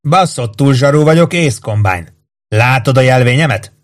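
Man doing brutal city cop, foul-mouthed, barking, contemptuous, higher and louder. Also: animated, natural voice. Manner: shouting, coarse, contemptuous.

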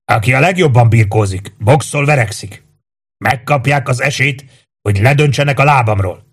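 A man voicing a gruff veteran commander who barks scornful orders at exhausted soldiers. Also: mid-range voice, voice pushed up. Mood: commanding. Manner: barking, scornful.

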